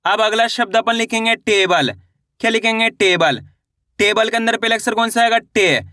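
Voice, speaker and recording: Casting: man, high bright clear voice, patient reading teacher, dry close mic. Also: no echo. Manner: slow, drawn-out syllable spelling with repeated questions. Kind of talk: online reading lesson.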